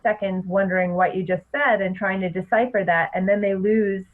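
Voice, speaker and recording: A middle-aged woman coach talks through speaking techniques in an animated, explanatory way, her pitch sitting at a middle level. Her voice comes through a thin, phone-like line. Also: moderate pace. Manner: animated, explanatory, laughs often. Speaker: public speaking coach, guest. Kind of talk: podcast interview.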